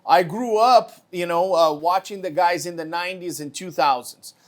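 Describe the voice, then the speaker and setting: Co-host: man with a high voice, eager and full of praise. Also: normal speed. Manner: enthusiastic, praising. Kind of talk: casual interview talk.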